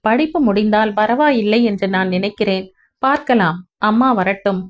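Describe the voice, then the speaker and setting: Woman voicing an earnest young husband, gentle and remorseful, audio novel reading. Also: mid-range voice, normal speed, highs cut off, lightly acted.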